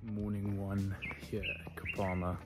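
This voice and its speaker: A man giving a casual travel vlog talk to camera on safari in a hushed, half-whispered voice. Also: low voice, completely flat delivery, measured pace, over loud music. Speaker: travel vlogger.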